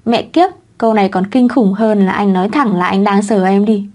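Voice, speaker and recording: A woman voicing a sharp-tongued young wife in a read-aloud story, in her own plain voice. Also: mid-range voice, fairly even intonation, normal speed, close to an everyday voice. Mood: wry.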